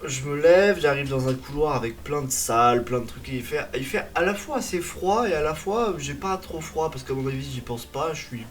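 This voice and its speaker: A man's voice: fairly high pitch, animated, moderate pace, few pauses. A young man telling a personal story in a comic vlog style, dramatic, exaggerated and self-mocking. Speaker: vlogger.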